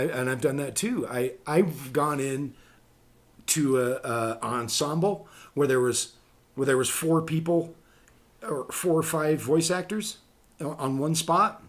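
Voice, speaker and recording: A man hosting a casual talk show, telling voice-acting stories and acting out the quotes. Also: a little high. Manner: animated storyteller, acts out quotes. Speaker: podcast host and voice actor. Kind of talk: casual chat.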